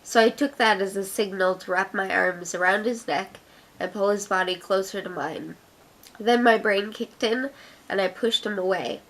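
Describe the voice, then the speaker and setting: Medium in pitch and fairly bright, her voice moves at a normal speed over a low-quality recording. She is a young Canadian vlogger with an Ottawa accent, casually doing an accent challenge and reading her own fiction aloud with plenty of giggles.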